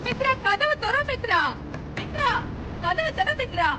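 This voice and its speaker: A woman's voice: extremely high pitch, lively intonation, measured pace, background noise. An actress playing an anxious woman who pleads and calls out frantically in a TV serial. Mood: pleading. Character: anxious fussing woman, pleading at a locked door. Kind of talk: TV serial acting. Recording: music score behind dialogue.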